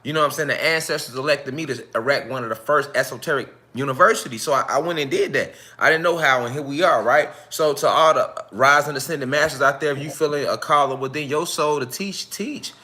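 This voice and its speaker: Forceful bright-voiced man lecturing live. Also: mid-range voice, fast, hardly any pauses. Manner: loose, profane, repetitive, talks straight to the audience. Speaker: lecturer hosting an online night class. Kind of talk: casual live-stream lecture.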